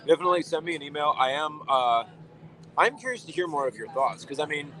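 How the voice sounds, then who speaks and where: A man's voice: on the high side, animated, fast talker, sharp tone, low-quality recording. A man live-streaming outdoors, answering his chat in a casual, hesitant way and often rephrasing himself. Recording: crowd noise behind. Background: crowd chatter.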